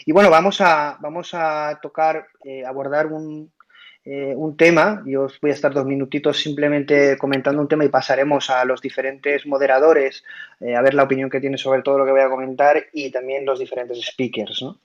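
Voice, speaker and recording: Male host from Spain, mid-pitched, casual and hesitant, muffled app audio. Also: level tone, moderate pace. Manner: hesitant, many fillers and restarts. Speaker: host of an online audio room. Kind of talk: casual explanatory talk.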